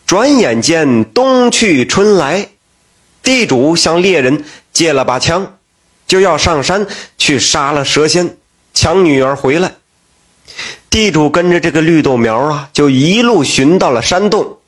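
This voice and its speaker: A man narrating a folk tale in a lively, folksy manner. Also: on the high side, a little slow, husky. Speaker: storyteller.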